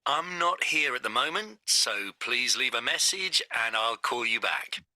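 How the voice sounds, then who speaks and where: A man recording a bright voicemail greeting. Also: mid-range voice, expressive, dry recording, low-quality recording. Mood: neutral. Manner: slow, clearly spoken outgoing message. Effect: recorded voicemail greeting played back. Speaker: voicemail greeting in a listening exercise. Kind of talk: scripted textbook audio.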